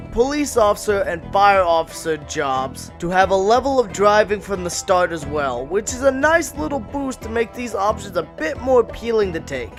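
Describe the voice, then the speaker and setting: A man narrating a scripted video game mod review in a casual, slangy, enthusiastic way. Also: sits high. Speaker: gaming YouTuber reviewing mods.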